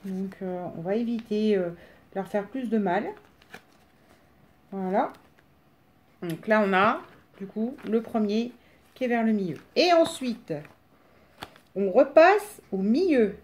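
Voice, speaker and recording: A woman with a smoker's rasp chatting casually through a craft demonstration in a rambling, self-deprecating way. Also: mid-range voice, slow pace, long pauses. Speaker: craft tutorial presenter.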